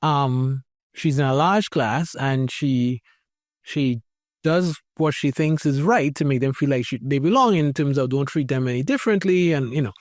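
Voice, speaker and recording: Hosting a conversational podcast interview, a man from Trinidad talks thoughtfully at a moderate pace, sometimes restarting hesitantly. His voice is medium-pitched, and the studio-quality recording has no echo.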